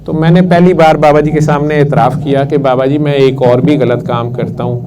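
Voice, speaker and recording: A man earnestly recounting a personal spiritual story at a prayer session, unhurried and reflective. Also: medium pitch, fairly even intonation, crowd noise, poor audio. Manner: unhurried and earnest, recites verses slowly.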